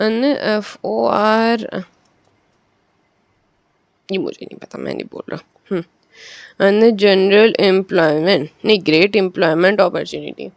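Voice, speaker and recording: A man tutoring through a textbook chapter in a relaxed, chatty way, drawing out the headings and then explaining them with everyday examples. His voice has a gravelly edge. The sound is dry and close, with no room around it. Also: sits high, no room sound. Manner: reads headings slowly, explains with homely examples, corrects himself. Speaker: teacher. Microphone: own microphone, adjusted while talking.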